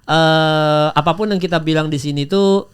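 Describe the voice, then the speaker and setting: A man co-hosts a film podcast and talks at a fairly high pitch. He chats casually and keeps agreeing with his partner as the talk moves along. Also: normal speed, smooth. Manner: agreeable, fills in with frequent yeahs. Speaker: podcast co-host. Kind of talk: casual chat.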